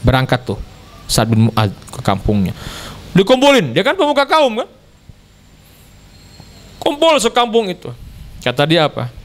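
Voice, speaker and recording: Animated male preacher, fairly high pitch, lots of movement in the voice. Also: normal speed. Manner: lively, animated, chuckling asides. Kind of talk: storytelling sermon.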